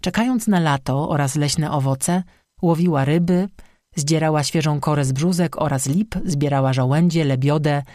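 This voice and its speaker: An audiobook narrator reading a folk-legend story in a measured, even storytelling manner. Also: medium pitch, no echo, studio quality.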